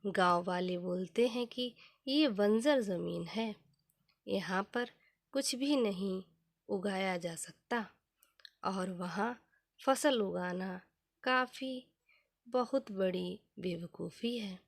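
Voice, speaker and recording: A woman voicing a poor, humble village man in a motivational story, with plain, measured delivery. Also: medium pitch, gravelly, no echo, clean studio sound.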